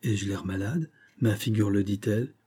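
A man's voice: lowish voice, normal speed, warm tone, husky. A man voicing a proud, restless young society woman who speaks with impatient, imperious vehemence in an audiobook reading. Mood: anxious vanity.

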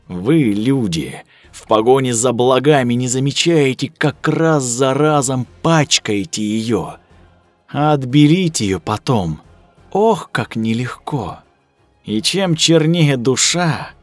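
A man's voice: medium pitch, dry recording, voice pushed up. A man voicing a cruel, bored ancient female duchess monster with a drawling, sneering manner.

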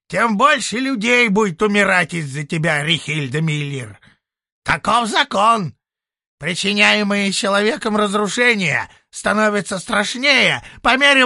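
A man voicing a spiteful, scornful old hermit sorcerer with a gruff, mocking, barking manner. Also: high-pitched, bright, forceful tone, no echo, clean studio sound, voice pushed up, full character voice. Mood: angry. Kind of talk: audiobook character voicing.

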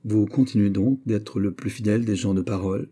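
A man's voice: lowish voice, fairly even intonation, fairly quick, mellow, husky. A man voicing a flustered, fawning prison governor who stammers and tries hard to please, in a French audiobook reading.

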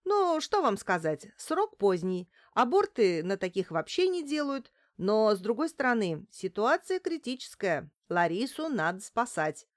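A woman voicing a frightened, greedy middle-aged woman gynecologist in an audiobook, her voice pitched higher and begging. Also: sing-song, unhurried, hardly any pauses, no echo, clean studio sound. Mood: businesslike.

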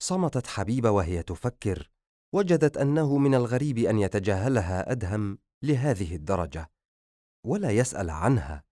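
Man, audiobook narrator, lowish voice, expressive. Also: fairly quick, no echo, clean studio sound.

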